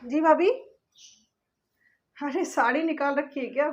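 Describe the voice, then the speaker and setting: A woman's voice: high voice, measured pace. A woman acting in a home-made family skit, speaking in a casual, conspiring way. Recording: dull lo-fi sound.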